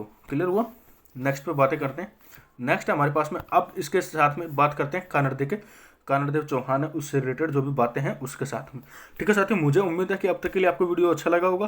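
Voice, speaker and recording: This is a young man whose voice sits a little high, giving a history lesson aimed at exam prep. Between self-posed quick questions and his own answers, he keeps checking in with the people listening.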